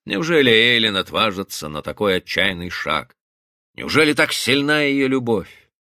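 A man's voice: on the low side, sing-song, normal speed, sharp tone, no room sound. A man narrating a novel as a scripted audiobook, reading expressively and dramatically into a studio mic.

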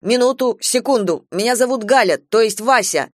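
A woman reading an audiobook, voicing a flustered, lovesick young man dressed as a woman, hoarse and pleading. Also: on the high side, moderate pace, dry recording, studio quality, voice pushed up, close to an everyday voice. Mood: eager.

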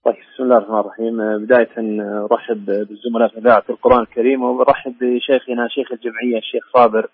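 A man's voice: medium pitch, little pitch movement, racing, slightly rough, dry recording. A man speaking formally and courteously as an interview guest, over a tinny phone line. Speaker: interview guest, education department director.

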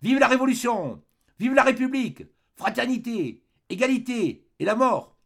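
A man's voice: very high voice, animated, normal speed, creaky, a bit bright, pitched above the performer's own voice, heavily acted. A man voicing a frail but defiant old man in his eighties who cries out slogans. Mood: defiant shout. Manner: crying out slogans.

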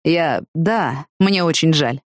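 A woman voicing a calm, matter-of-fact young man who speaks in an understated way. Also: low voice, slow pace, no room sound, studio quality. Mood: hesitant.

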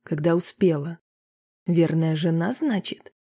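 A reader voicing a jealous, domineering husband in an audiobook, scornful and shouting. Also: medium pitch, unhurried, slightly rough. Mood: sneering. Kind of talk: audiobook character reading.

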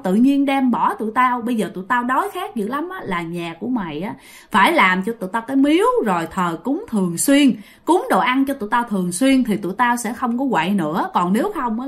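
Woman putting on furious ghost, Southern Vietnamese accent. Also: on the high side. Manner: threatening, shouting curses. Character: vengeful male ghost spirits possessing a body.

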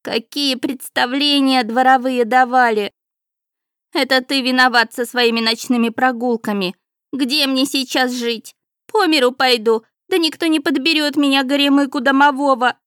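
Woman doing shrill wailing little house spirit. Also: expressive, a little slow, hardly any pauses, no room sound, clean studio sound. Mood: wailing scolding. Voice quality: high, shrill and loud. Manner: wailing, scolding, lamenting. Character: small wailing male house spirit, self-pitying.

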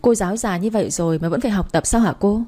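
A woman's voice: mid-range voice, animated, fairly quick, dark tone, slightly rough. A woman voicing a spoiled, sarcastic teenage schoolgirl who whines, in a storybook reading. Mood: whiny. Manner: whiny, sarcastic.

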